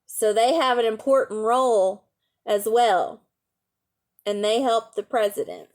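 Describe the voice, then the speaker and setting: Reading at a measured pace, she has a voice on the high side with a slightly mellow quality. She's a storytime reader and teacher presenting a picture book to little ones, with friendly asides, clear explanations and questions.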